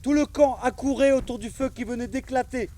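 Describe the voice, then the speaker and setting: A man's voice: very high voice, a little fast, mellow. A man on an outdoor stage narrating a historical novel in an emphatic, declaiming manner. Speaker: narrator and actor.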